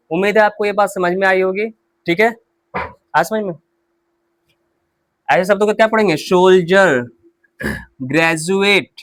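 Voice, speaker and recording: A man with a Hindi accent teaching English pronunciation, his voice high and his delivery slow and deliberate. He drills each word repeatedly, asking questions and answering them himself. The sound is dry and close. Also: fairly bright tone, no echo. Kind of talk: spoken English lesson in Hindi.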